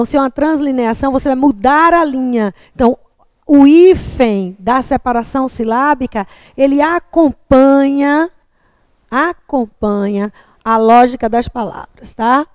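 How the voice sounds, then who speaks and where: A woman's voice: high-pitched, unhurried, a little mellow, no room sound. A woman teacher with a Brazilian Portuguese accent, patiently explaining handwriting and margins in a classroom lecture and checking in often.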